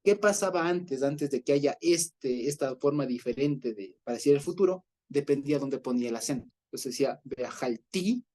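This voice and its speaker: A man leading an informal Bible study, explaining patiently, checking in with his listeners and pausing on fillers as he searches for words. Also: medium pitch, darkish tone. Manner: explanatory, often checks in with a questioning "ya?"; hesitant, with fillers and restarts.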